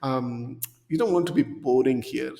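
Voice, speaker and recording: A mid-pitched man in his thirties coaching viewers through a screen-share tutorial. He sounds upbeat and coaxing and keeps checking in with "okay?". His desk mic picks up a noticeable room reverb. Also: moderate pace, creaky, dark tone. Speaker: career coach. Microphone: desk mic in frame.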